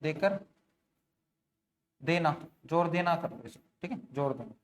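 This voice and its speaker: An unhurried man with a slightly high voice explains grammar online one step at a time. Questions to students come often, along with frequent fillers like "theek hai" and "bhai."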